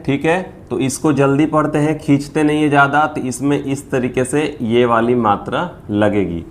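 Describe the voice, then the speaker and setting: Patient man drilling Hindi vowels. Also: mid-range voice. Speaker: teacher. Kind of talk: Hindi alphabet lesson.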